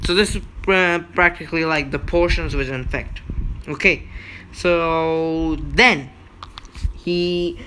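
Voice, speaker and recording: With a sharp tone in a mid-range voice, this gaming host talks through a casual gameplay walkthrough, stressing points, repeating them and frequently checking in with viewers.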